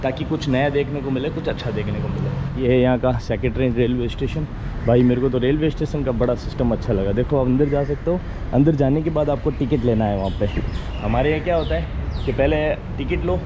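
A young man from India, a travel vlogger chatting casually to camera as he walks through city streets and stations, calling viewers brother. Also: medium pitch. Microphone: action camera held close. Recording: lo-fi camera audio with loud street noise.

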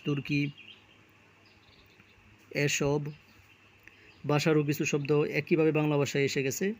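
A man teaching an exam-prep lesson, reading lists of words aloud with small self-corrections. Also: fairly high pitch. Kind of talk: reading and explaining a word list for exam study.

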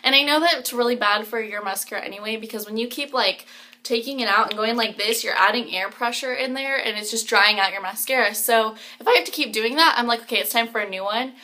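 A woman's voice: a little high, quick pace, pushed and bright. A young woman chatting casually about makeup in her home kitchen, rambling with many fillers. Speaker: beauty vlogger. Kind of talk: casual chat.

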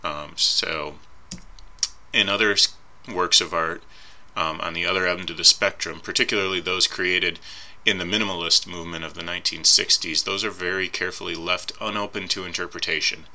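Very low-voiced, bright-toned male instructor. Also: steady tone, normal speed. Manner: informal, thinking aloud with fillers and self-corrections. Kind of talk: recorded slide lecture. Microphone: voice-over on slides.

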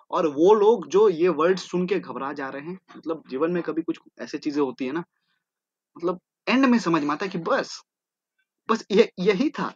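Male tutor, exam-prep lecture, asks and answers himself, slightly high-pitched, dull lo-fi recording. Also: no room sound. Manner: repetitive, drilling terms, asking and answering his own questions. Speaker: teacher. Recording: dull lo-fi sound.

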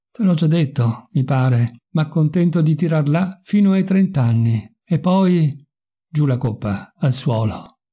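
A man's voice: a little high, mellow, husky. A man voicing a bitter, mocking young intellectual in a read-aloud novel, with a wry, sardonic manner.

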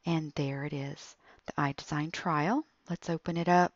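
A woman walking through an app tutorial step by step, in a slow, explaining way. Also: low-pitched, fairly even intonation, no room sound, highs cut off. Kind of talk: screen-recorded app tutorial.

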